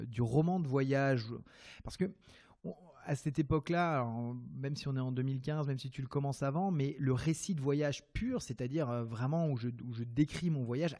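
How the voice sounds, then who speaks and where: A man interviews someone in a relaxed, mellow voice of medium pitch. He is informal and thoughtful, rewording his questions as he goes.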